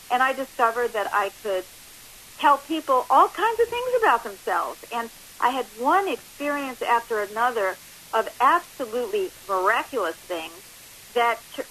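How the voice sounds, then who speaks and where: A woman's voice: on the high side, bright, forceful tone. A woman in her late sixties giving an emphatic, explanatory interview over the phone as a guest counselor. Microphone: telephone. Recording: hissy, noisy phone line.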